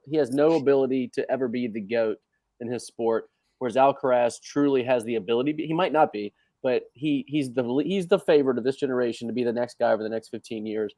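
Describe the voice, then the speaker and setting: A man with a mellow, relaxed voice at a middle pitch reasons aloud on a casual podcast panel. He is a little hesitant, and the recording is dry. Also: no echo. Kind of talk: casual explanation.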